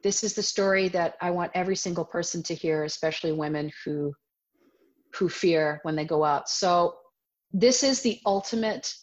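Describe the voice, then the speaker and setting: A woman in her forties, a self-defense teacher, telling a personal story in an interview in an animated way and breaking into voiced quotes of herself. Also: on the low side. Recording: dull lo-fi audio.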